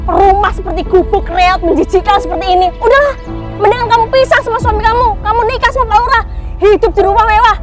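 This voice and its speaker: A woman playing a sharp-tongued older sister who scolds her brother-in-law with open contempt. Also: very high-pitched, quick pace, loud music behind the voice. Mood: scolding. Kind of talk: amateur skit acting.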